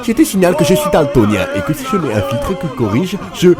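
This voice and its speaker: Woman doing a deep-voiced panicky cartoon doctor. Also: sing-song, a little fast. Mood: panicked. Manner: exclaiming, panicky. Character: colorblind male doctor, frantic and easily spooked. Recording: voice with loud music behind. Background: music.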